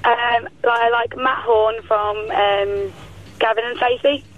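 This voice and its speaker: A woman's voice: fairly high pitch, steady tone, slow pace, phone-quality sound. A young woman from the West Midlands in England, chatting casually as a phone-in contestant. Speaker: contestant calling in.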